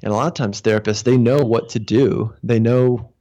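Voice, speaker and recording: A man who coaches therapists on their practices, speaking calmly and reflectively in an interview, often restarting his sentences. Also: mid-range voice, moderate pace, dull audio. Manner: calm, reflective, with frequent restarts and fillers. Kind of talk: casual interview talk.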